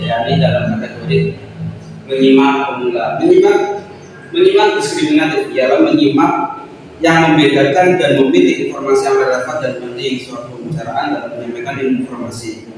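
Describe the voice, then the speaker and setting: A man's voice: medium pitch, steady tone, normal speed, over music. A young man, a student, giving a loose, rambling classroom presentation and walking through spoken examples. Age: young adult. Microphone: far camera. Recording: echoey classroom, far from the mic, background noise.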